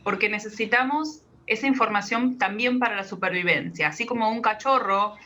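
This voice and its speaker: A woman, a practitioner calmly explaining her method step by step in an interview. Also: medium pitch, brisk, dull audio, slight background noise. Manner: calm, patient, explains step by step. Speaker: guest, biodecoding practitioner.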